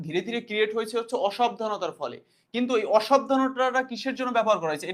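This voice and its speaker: A man with a high voice gives a casual classroom lecture. He explains step by step and repeats key points. He keeps asking his students questions back. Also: a bit bright. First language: Bengali. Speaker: teacher.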